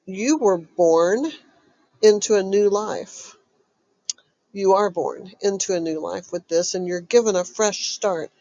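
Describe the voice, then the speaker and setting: A woman hosting a motivational self-help talk as a coach, speaking deliberately and sounding stuffy from an illness. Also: mid-range voice, dark tone, dry recording, lo-fi sound. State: stuffy, recovering from covid. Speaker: host and recovery coach.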